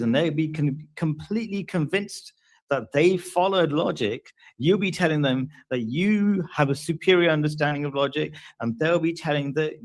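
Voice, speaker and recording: A man in his forties in a casual discussion, speaking thoughtfully and hesitantly with many pauses and fillers. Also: on the high side. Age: 40s. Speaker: guest.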